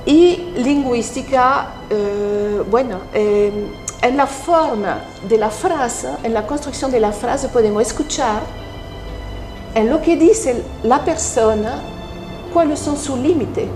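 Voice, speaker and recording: A woman with a French accent, her native tongue French, speaks Spanish in a fairly high voice, explaining at a thoughtful pace with small pauses and restarts. The room rings with echo, and music plays clearly behind her. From France. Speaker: guest, NLP practitioner. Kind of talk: interview conversation.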